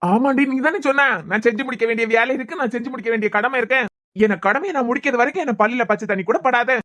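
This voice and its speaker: A woman's voice: on the high side, fast talker, a bit bright, close to an everyday voice. A woman voicing a teasing young husband in a cartoon web series, with a Kanyakumari Tamil accent and a mocking manner.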